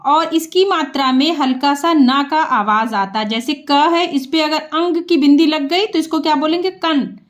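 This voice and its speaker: A woman's voice: high-pitched, moderate pace, hardly any pauses. A woman teaching reading, patiently drawing out syllables for practice. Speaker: Hindi teacher. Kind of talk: slow, clear reading lesson.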